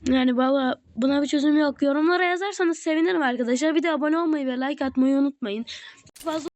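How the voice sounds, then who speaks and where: A woman's voice: high voice, fast. A young woman in school giving frustrated gameplay commentary on a phone mic, often repeating herself. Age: young, still in school. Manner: frustrated, complaining, repeating words. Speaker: mobile game streamer. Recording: loud game sounds and screen taps.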